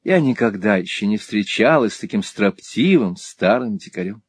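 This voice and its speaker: A man's voice: fairly low pitch, animated, normal speed, husky, dry recording. A man reading an audiobook, voicing a chatty, shrewd middle-aged spinster painter who gossips and exclaims.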